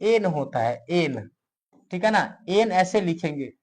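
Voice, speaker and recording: A man's voice: high-pitched, animated, slow. Male teacher drilling a class. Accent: Hindi-speaking north Indian. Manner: repetitive question-and-answer drilling; answers his own questions for the class. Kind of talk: classroom lecture.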